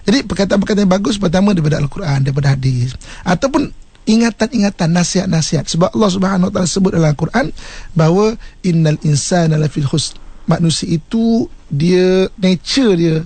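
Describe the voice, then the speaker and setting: A man's voice: high-pitched, a little fast, darkish tone, breathy edge, dry recording. A man with a Malaysian Malay accent giving a religious talk on the radio, explaining points and acting out short examples with changing intonation. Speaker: religious teacher. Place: radio studio.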